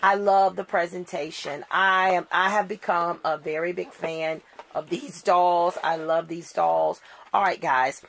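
A woman's voice: fairly low pitch, fairly even intonation, a little slow, creaky. A middle-aged woman unboxing a doll outfit in casual chat, tired, gushing and repeating words for emphasis. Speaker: doll collector vlogger.

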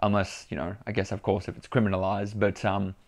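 A young man with a fairly low voice talks straight to camera in a casual vlog. He is chatty and animated, telling his story with restarts and repeated words. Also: a little fast, gravelly. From Australia. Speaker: vlogger.

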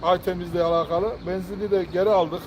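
A man's voice: sits high, flat delivery, fast, a little mellow, a little hiss or hum. A man chatting casually and emphatically, often repeating his phrases. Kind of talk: casual chat.

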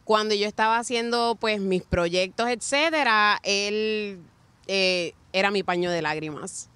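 A woman's voice: medium pitch, unhurried, a bit bright, clear, resonant tone, no room sound. A young woman in casual chat as a podcast guest, talking earnestly and expressively and acting out quotes.

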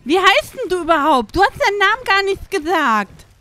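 Woman doing a young soldier woman, very high voice, bright, stammering, flustered, game role-play. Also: very animated, full character voice. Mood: alarmed. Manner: flustered, stammering, quick to cry out. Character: excitable clumsy young woman soldier, chatty. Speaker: role-play player character.

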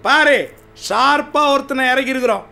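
An actor playing an eager henchman who talks excitedly and shouts to impress his boss. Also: extremely high pitch, moderate pace, creaky, exaggerated voice. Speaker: gang henchman. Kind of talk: film comedy acting. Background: film music.

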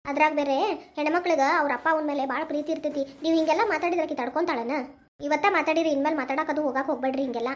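A woman voicing a practical, protective village mother in a family cartoon, gently scolding and comforting in North Karnataka Kannada. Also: high-pitched, fairly even intonation, racing, lightly acted. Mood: advising.

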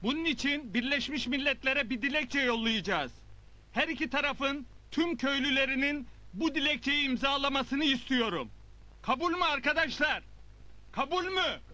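High, bright-voiced earnest reporter. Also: male voice, animated, moderate pace, exaggerated voice. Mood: earnest speech-making. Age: middle-aged. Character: earnest, headstrong male newspaper reporter rallying villagers. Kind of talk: comedy film dialogue.

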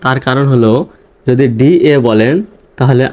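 Guy teaching english reading, spells words out letter by letter, middle pitch, patient and slow. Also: dark tone. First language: Bengali. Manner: slow, syllable-by-syllable spelling and sounding out. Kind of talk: spelling-out pronunciation lesson.

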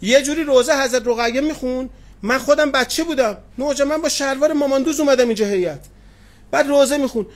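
A middle-aged man preaching as a cleric, retelling anecdotes with quoted dialogue and tenderly addressing his listeners. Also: very high-pitched. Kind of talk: sermon with storytelling. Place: religious gathering hall.

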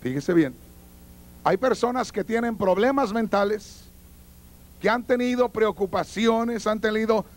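A male pastor preaching with a notably high voice, earnest and instructive. He speaks straight to his congregation in a teaching sermon and sometimes acts out the voices he quotes. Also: measured pace.

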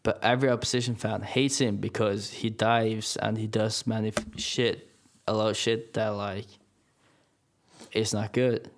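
A man's voice: on the low side, little pitch movement, measured pace, a little hiss or hum. A young man, chatting casually and rambling with many restarts and fillers. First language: Norwegian. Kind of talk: casual chat.

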